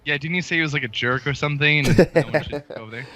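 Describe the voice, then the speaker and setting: Bright, higher-voiced joking man. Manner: quick joking interjections. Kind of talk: casual livestream chat.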